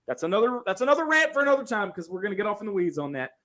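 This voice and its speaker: A man's voice: high voice, big pitch swings, rapid-fire, bright, forceful tone. A man hosting a casual sports talk show, speaking in an opinionated, emphatic way. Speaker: sports podcast host.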